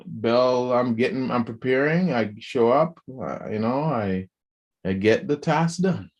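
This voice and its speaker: A man co-hosting a podcast, talking in a casual, animated way, often restarting and repeating words and acting out quoted speech. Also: mid-range voice, measured pace. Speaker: podcast co-host.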